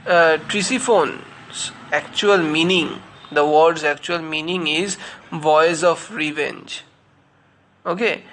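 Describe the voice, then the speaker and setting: A man's voice: on the high side, gravelly, pushed and bright, a little hiss or hum. A man giving a literature lecture, explaining step by step with many fillers and spelling out names letter by letter. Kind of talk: spoken lecture.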